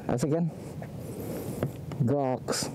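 A man's voice: mid-range voice, extremely slow. A man casually narrating his vlog while riding a motorbike on a road, chatty and laughing often in slangy talk. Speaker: vlogger. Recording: loud traffic and wind noise. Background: traffic and motorbikes.

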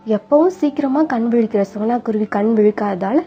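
A woman's voice: fairly high pitch, brisk. Woman narrating a sad cartoon story. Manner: sorrowful, steady telling. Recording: dull lo-fi with faint music.

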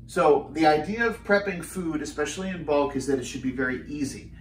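A man's voice: on the high side, a little fast, recorded from a distance, slight background noise. A man in his thirties giving a casual, joking cooking demonstration in a small home kitchen, filmed from a few steps away. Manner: upbeat, joking, energetic while cooking. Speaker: fitness cooking host. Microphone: camera mic, filmed from a few steps away. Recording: echoey kitchen, voice slightly off-mic.

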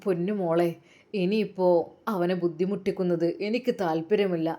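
Woman playing a humble old father, calm, soothing, a bit lower voice, storybook tale. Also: normal speed, close to an everyday voice. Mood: gentle. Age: older.

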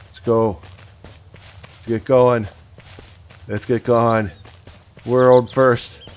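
Excitable man narrating his gameplay. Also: medium pitch, drawn-out words, smooth. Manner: excitable, talks to viewers while playing. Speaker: gaming channel host. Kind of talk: casual gameplay commentary. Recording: slightly dull, faint background noise.

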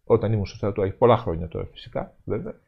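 A man's voice: on the low side, sing-song, vocal fry, breathy edge, muffled recording. A middle-aged man, an Orthodox priest, giving an emphatic sermon commentary that mixes readings with rhetorical questions.

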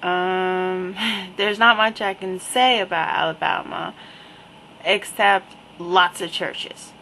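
Wry slow-talking New woman. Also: lowish voice, a little hiss or hum, poor audio. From New Jersey. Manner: wry, repetitive, deadpan asides. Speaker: vlogger. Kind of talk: casual webcam monologue.

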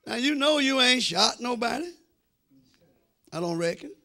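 Animated yet measured, this very high, sharp-toned voice comes from a middle-aged American senior pastor mid-sermon. In the sanctuary, handheld mic in hand, he draws out phrases emphatically and addresses the congregation directly.

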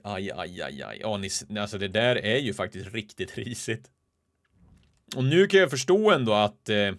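A man from Sweden hosting a gaming channel, giving casual play-by-play commentary that swings from calm remarks to excited shouts. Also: fairly low pitch.

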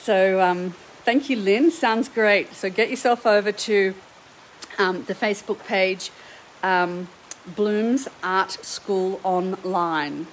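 A middle-aged Australian woman teaches art on a live stream. She talks in an upbeat, chatty way, and her voice sits at a middle pitch. A faint hum of noise is heard behind her. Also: takes it slowly, rough recording. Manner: upbeat, chatty, greets viewers by name. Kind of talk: live stream chat to viewers. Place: home painting studio.

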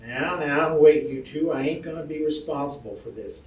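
A man's voice: a little high, normal speed, darkish tone, voice pushed up, lightly acted. Anxious pleading peacemaker soldier, a man reading. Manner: pleading, raised and urgent. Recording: roomy hall, distant mic, faint ambience.

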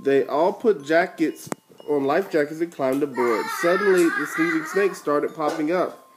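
A man's voice: fairly high pitch, normal speed, music in the background. A father reading a children's storybook aloud, coaxing his kids to repeat words in a sing-song way.

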